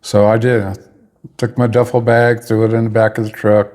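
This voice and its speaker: A man's voice: on the low side, flat delivery, normal speed, darkish tone. A man telling a personal story in a casual, rambling way, often stopping to correct himself mid-sentence. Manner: rambling, with restarts and self-corrections.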